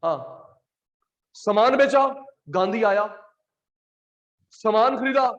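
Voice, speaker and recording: A man with an Indian accent teaching an online class, animated and teasing, mixing English terms into Hindi. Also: high voice, slow, muffled recording.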